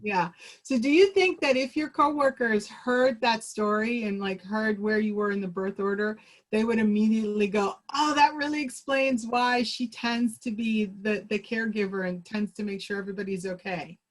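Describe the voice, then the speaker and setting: A woman's voice: medium pitch, normal speed. A woman presenting a workshop over a video call, leading a group exercise in a chatty, upbeat way and laughing easily. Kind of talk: facilitating a virtual group exercise.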